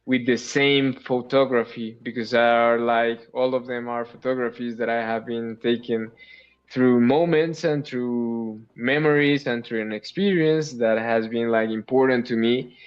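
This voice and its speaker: A man's voice: mid-range voice, steady tone, unhurried, clear, resonant tone. A man chatting as a guest artist in a casual interview, enthusiastic, repeating words and using "like" often. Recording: dull lo-fi with faint music behind.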